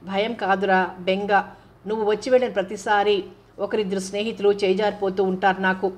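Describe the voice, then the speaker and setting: A woman's voice: mid-range voice, level tone, brisk, lightly acted. A woman voicing an affectionate elder sister who scolds her younger brother in an audiobook novel. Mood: reproachful. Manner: reproachful, teasing.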